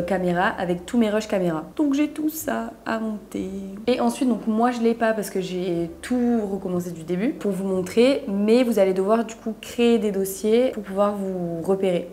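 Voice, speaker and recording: A young woman walks viewers through video editing in a loose, slangy, self-mocking chat. Her voice is warm and mellow, with a faint hum of room noise behind her. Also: mid-range voice. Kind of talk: casual tutorial.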